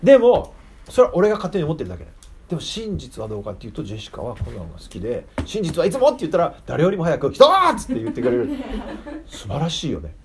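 A man's voice: a little high, wildly swooping pitch, very fast, creaky, darkish tone, a little hiss or hum. A man giving a casual sermon to children, chatting and asking them questions. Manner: chatty, asks the audience questions. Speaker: preacher teaching children.

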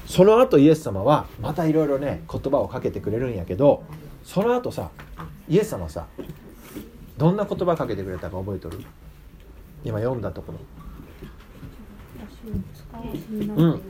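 A man's voice: fairly high pitch, warm tone. A man with a Kitakyushu accent giving a playful children's sermon as pastor, often putting questions to his listeners. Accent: Kitakyushu Japanese.

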